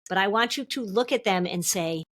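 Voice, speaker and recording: A middle-aged woman therapist, a guest on a podcast, explaining in an animated way and acting out what her clients say. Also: medium pitch, a little fast, no echo. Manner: animated, acts out quotes from clients. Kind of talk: podcast interview.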